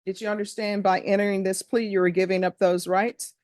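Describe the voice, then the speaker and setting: Woman judge doing formal courtroom questions, brisk and official, really dry close sound. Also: medium pitch, level tone, darkish tone, no echo. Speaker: judge presiding over a plea hearing. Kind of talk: formal courtroom questioning, scripted legal recitation.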